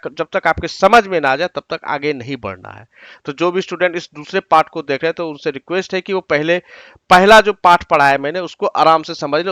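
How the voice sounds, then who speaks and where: Male teacher, higher pitch, dry close sound; slows down for each example sentence, explains word by word. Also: a bit bright, no echo. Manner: explains word by word, repeats often. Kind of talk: online exam-prep lesson.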